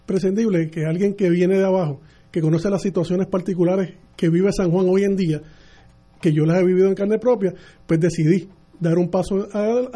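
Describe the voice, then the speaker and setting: A man's voice: high voice, dark tone. A middle-aged man with a Puerto Rican accent, a candidate answering questions in a radio interview with many restarts. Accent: Puerto Rican Spanish. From Puerto Rico. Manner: earnest, halting with many restarts. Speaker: mayoral candidate guest.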